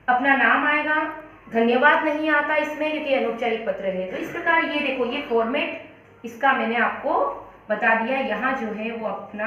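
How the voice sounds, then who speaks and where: A woman, a teacher explaining letter writing step by step and calling her students beta. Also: high-pitched. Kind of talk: Hindi letter-writing lesson. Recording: very echoey, dull lo-fi room.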